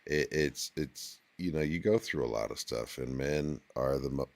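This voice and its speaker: A man hosting a casual podcast chat who speaks haltingly, repeating words and trailing off. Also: a bass voice.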